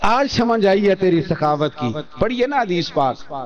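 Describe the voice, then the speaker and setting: A man's voice: expressive, highs cut off. A male preacher with a Pakistani Urdu accent telling stories in a Friday sermon, calling on the congregation to pay attention and acting out voices. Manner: asks the crowd for attention and responses; acts out story voices in shifting pitch.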